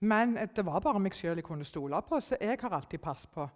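Woman telling her story in a reverberant hall. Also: on the low side. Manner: lively storytelling, acting out her own thoughts, dropping to near whispers. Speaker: speaker giving a personal testimony. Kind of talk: personal testimony to an audience.

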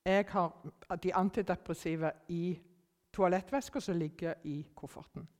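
Speaking at a fairly low pitch, a middle-aged woman shares her personal testimony before an audience in a lively manner, voicing her own thoughts and at times falling to nearly a whisper. The recording carries long hall reverb.

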